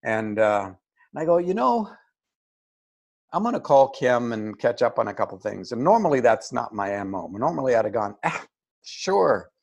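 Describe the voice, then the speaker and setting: Older man, gravelly voice, animated storyteller, acts out the people he quotes, video call guest. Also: fairly low pitch, brisk. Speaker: interview guest. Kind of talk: casual storytelling.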